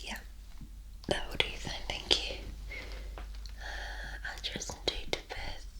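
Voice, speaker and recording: A woman doing a whispered role-play as a polite, helpful librarian, unhurried and reassuring. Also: rough recording. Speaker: ASMR performer playing a librarian.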